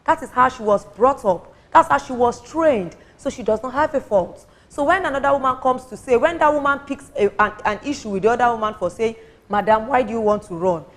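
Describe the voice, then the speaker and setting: A Nigerian woman with a Nigerian accent, a women's advocate, earnestly explains her views on a studio talk show panel, repeating points for emphasis. Her voice is on the high side and fairly quick.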